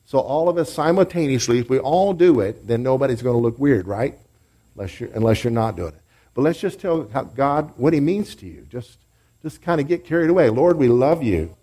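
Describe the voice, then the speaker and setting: Leading call-and-response and group praise, a pastor preaches and teaches a congregation in church. His voice is mid-range and mellow.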